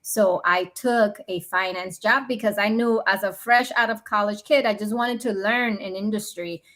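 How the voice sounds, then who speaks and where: A woman's voice: medium pitch, steady tone, moderate pace, a bit bright. A woman in her forties from the Dominican Republic, raised in New York, sharing her story as a podcast guest in an earnest, upbeat way. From Dominican Republic, raised in New York City. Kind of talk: conversational interview.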